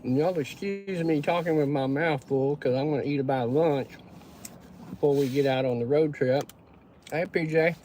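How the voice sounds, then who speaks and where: A man's voice: a little high, normal speed, mellow, slight background noise. A Texan man hosting a casual livestream, chatting in a folksy way and greeting viewers by name. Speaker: livestream host. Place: pickup truck.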